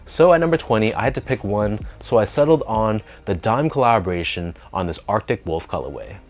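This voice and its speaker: A Canadian man hosting a sneaker review video, sounding nasal from a sinus infection, talking in a relaxed, enthusiastic way with drawn-out emphasis. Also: fairly low pitch, soft background music. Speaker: sneaker channel host. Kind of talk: casual review talk to camera.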